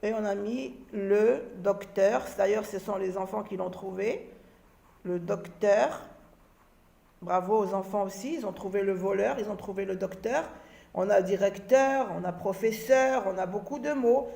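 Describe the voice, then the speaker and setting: A woman's voice: mid-range voice, unhurried, gravelly, dark tone. A woman teaching a phonics lesson to young pupils, patiently repeating letters and checking in with them as she goes. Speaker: primary school teacher. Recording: roomy echo.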